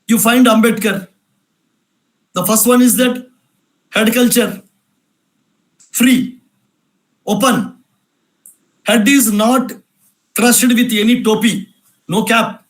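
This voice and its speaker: At a cultural event, a man lectures emphatically in an extremely high-pitched, steady voice, speaking slowly with frequent pauses. He's repetitive and insistent, repeating phrases and asking rhetorical questions, and the recording is rough.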